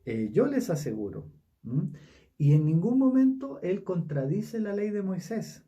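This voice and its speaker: A man with a Chilean Spanish accent leading a casual Bible study, talking haltingly with many fillers and tag questions. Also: high-pitched, very animated, warm tone, far from the mic.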